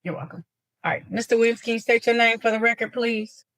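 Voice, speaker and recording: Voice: medium pitch, fast, fairly bright tone. A judge running a hearing, speaking formally and procedurally with frequent ums, captured on a courtroom recording.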